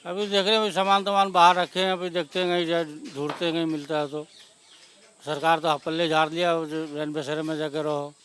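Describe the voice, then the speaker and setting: A man's voice: a little high, little pitch movement, brisk, a bit bright, a little hiss or hum. A man, a local resident and priest, speaking to a reporter outdoors about losing his home, with a resigned and bitter indignant manner. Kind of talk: street interview. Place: outdoors at a demolition site.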